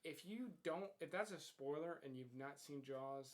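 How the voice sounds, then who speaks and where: A man's voice: on the high side, moderate pace. A man hosting a casual movie review, talking bluntly and swearing freely as he comments on the film. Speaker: host of a movie review show.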